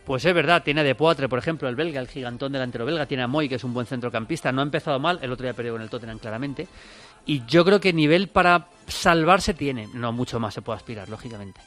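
A man talks football on a radio show at a fast clip, listing players and results one after another. His pitch sits in a middle range. Faint music plays underneath. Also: a bit bright. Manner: fast, rattles off names and results. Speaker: football pundit. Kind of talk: radio sports chat.

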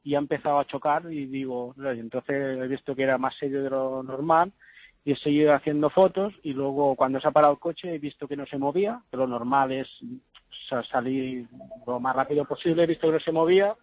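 A man, a photographer, describing what he saw as an eyewitness over the phone, in halting speech with many restarts. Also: medium pitch, no room sound. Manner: halting, restarts words, plain retelling. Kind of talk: eyewitness account. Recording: muffled lo-fi line.

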